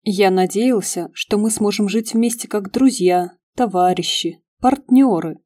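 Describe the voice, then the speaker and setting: Brief: a woman voicing a courteous, wistful middle-aged gentleman, mellow. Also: medium pitch, measured pace, natural voice. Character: polite, sad middle-aged male restaurateur.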